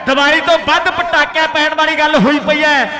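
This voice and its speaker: A man's voice: very high-pitched, steady tone, brisk, pushed and bright. A man with a Punjabi accent giving hearty, exclamatory live kabaddi commentary, repeating phrases and addressing listeners as friends. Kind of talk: live sports commentary with rhymed verse and thanks to sponsors. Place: outdoor village kabaddi tournament ground.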